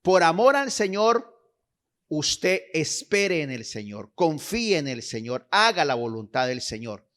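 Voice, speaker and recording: Exhorting male preacher, higher voice. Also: big pitch swings, measured pace, a bit bright. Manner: exhorting, repeats phrases and asks listeners "¿sí?"; reads scripture aloud with emphasis. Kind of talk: sermon.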